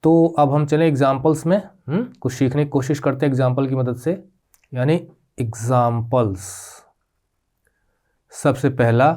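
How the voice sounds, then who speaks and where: A man's voice: steady tone, a little mellow. Patient male teacher explaining grammar. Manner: patient, repeats "ठीक है?" checks with rising pitch; spells out terms slowly, mixing English words into Hindi. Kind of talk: classroom grammar lesson.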